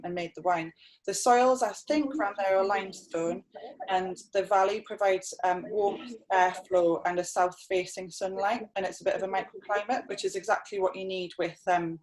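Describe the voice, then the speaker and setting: A woman's voice: medium pitch, fairly even intonation, normal speed, a little mellow, poor audio. A young adult woman winemaker from North East England, explaining her wine in a webinar with many fillers and restarts. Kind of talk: webinar tasting talk.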